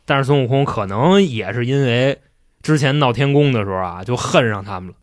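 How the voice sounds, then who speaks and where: A man hosting a casual podcast, retelling a story in a slangy, animated way with casual swearing. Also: medium pitch, brisk, dry recording, clean studio sound. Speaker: podcast host.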